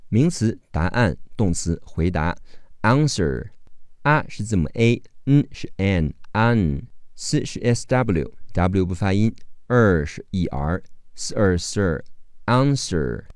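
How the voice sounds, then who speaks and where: Man, English teacher, phonics drill, slow deliberate delivery, lively intonation, dry close recording. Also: sits low, no echo. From China. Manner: slow, deliberate spelling out of sounds and letters. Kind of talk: phonics vocabulary lesson.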